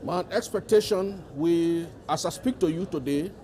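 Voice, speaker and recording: Higher-pitched, emphatic Liberian man. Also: moderate pace, dark tone. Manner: emphatic, repeats phrases for stress. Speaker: government delegate being interviewed. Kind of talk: formal interview answers.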